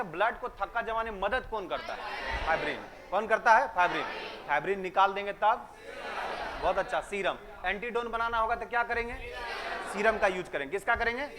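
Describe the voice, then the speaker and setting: A man's voice: sits high, noisy background. A man teaching a class, telling jokes and quizzing students and repeating their answers back. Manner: joking storyteller, fires questions at students and repeats their answers.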